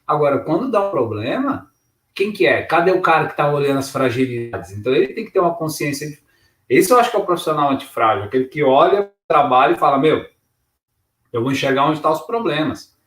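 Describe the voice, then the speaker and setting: Animated Brazilian man, roomy and distant. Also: on the high side, fast. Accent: Brazilian Portuguese. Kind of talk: casual podcast chat.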